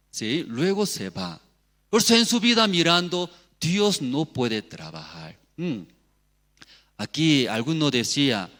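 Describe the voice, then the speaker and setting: A man's voice: a little high, fairly bright tone, big-room sound. A male pastor preaching in short, simple phrases full of rhetorical questions, with Korean as his first language. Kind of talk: sermon. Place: church hall.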